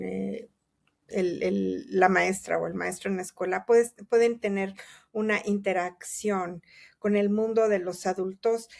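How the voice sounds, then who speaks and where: Woman guest, mid-pitched, calm and reflective, explains with examples and rhetorical questions. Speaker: guest speaker. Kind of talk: reflective conversational interview.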